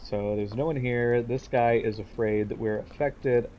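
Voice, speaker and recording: A man hosting a Let's Play with casual, halting, reflective commentary. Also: mid-range voice, steady tone, dull audio, a little hiss or hum.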